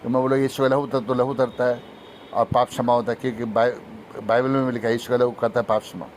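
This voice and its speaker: Fast-talking man preaching. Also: medium pitch, flat delivery, a little mellow, a little hiss or hum. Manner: fast-talking, emphatic, breaks into sung hymn. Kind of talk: Hindi testimony sermon.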